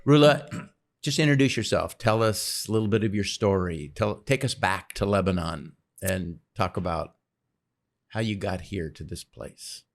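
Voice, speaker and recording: A man co-hosting a podcast, relaxed, conversational and encouraging. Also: low voice, moderate pace, gravelly. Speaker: podcast co-host. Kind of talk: casual podcast talk.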